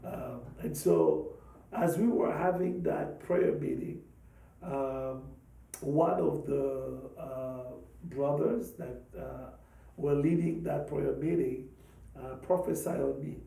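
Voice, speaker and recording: Slow, gravelly-voiced man in his fifties. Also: medium pitch, mellow, roomy sound, recorded from a distance, poor audio. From Democratic Republic of the Congo. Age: 50s. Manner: slow, hesitant, many pauses with fillers. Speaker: pastor and podcast host. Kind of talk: personal testimony talk.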